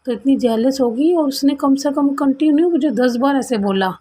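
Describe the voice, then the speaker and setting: A woman's voice: high voice, normal speed, dark tone. A woman earnestly recounting a personal experience to a congregation, in a casual storytelling way with retold dialogue. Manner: earnest, conversational, retells quoted dialogue. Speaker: devotee sharing experience.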